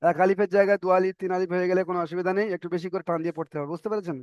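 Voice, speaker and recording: A man teaching a recorded class on reading the Quran, spelling out letters one by one and stretching vowel sounds slowly, patient and repetitive as he checks that students follow. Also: sits high, fairly even intonation, darkish tone, smooth, no room sound, dull audio. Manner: patient, repeats each example and checks understanding.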